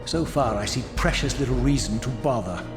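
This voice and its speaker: An actor playing a defiant, bitter undead wraith in a video game, speaking formally with proud scorn. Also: male voice, mid-range voice, brisk, natural voice. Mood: weary, defiant. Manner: sardonic, scornful, theatrical formal speech. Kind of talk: dramatic video game voice acting. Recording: echoey hall reverb, music behind.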